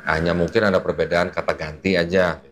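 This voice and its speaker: Rich: A very low-voiced man talks through a long explanation. He is patient and casual, leaning on everyday slang and fillers as he teaches. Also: level tone, fairly quick, slight background noise. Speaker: Islamic preacher.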